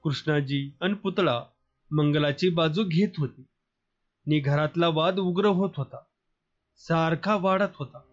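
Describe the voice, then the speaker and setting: A man reading a novel aloud as a storyteller, measured and expressive. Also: fairly high pitch. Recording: slightly muffled, soft background music.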